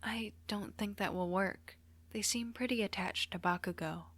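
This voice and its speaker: A woman voicing a shy teenage boy who mutters and speaks in a hushed, hesitant way in a storybook reading. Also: sits high, normal speed.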